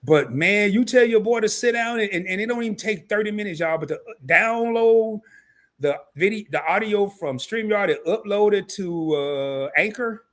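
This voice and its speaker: At a normal pace and in a high voice, a man hosts an informal live-stream interview, sounding a little scratchy tonight. He's energetic and slangy, cracking self-deprecating jokes and laughing at himself.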